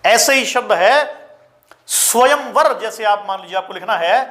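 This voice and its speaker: A man teaching a spelling lesson to exam students, repeating each word slowly and calling his listeners children. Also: high voice, fairly bright tone. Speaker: Hindi teacher.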